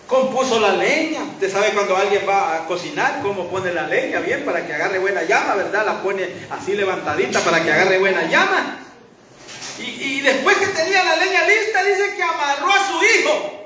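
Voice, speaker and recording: A man preaching in a church hall with a high, bright, ringing voice. He presses his points with rhetorical questions. The recording is heavily echoey and picked up from afar. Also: expressive, normal speed, far from the mic, a little hiss or hum. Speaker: pastor. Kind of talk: sermon.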